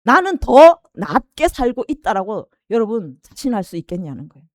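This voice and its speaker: Animated woman preaching a sermon. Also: fairly high pitch, normal speed, no echo, clean studio sound. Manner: animated preaching, acting out quoted voices of the people. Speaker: pastor. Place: church.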